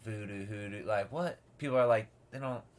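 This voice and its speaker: A man's voice: on the low side, normal speed. A man in casual podcast conversation, rambling and peppering his talk with "like" and restarts.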